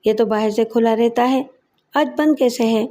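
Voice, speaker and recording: A woman's voice: fairly high pitch, warm tone, natural voice. A woman narrator voicing a frightened rich lady who speaks anxiously from hiding, in an audio story.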